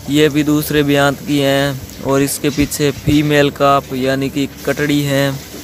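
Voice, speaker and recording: A man's voice: medium pitch, a little hiss or hum. A man hosting a farm video, walking through a dairy yard and talking in repetitive sales patter about buffalo for sale. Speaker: channel host showing buffalo for sale. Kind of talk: video tour commentary.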